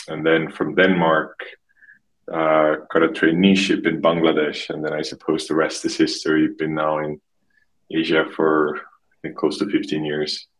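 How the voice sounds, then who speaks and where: A man from Estonia in his thirties, a podcast guest talking casually and haltingly, often restarting and repeating words. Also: extremely low pitch, a bit bright, poor audio. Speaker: podcast guest, marketing expert. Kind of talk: casual interview conversation.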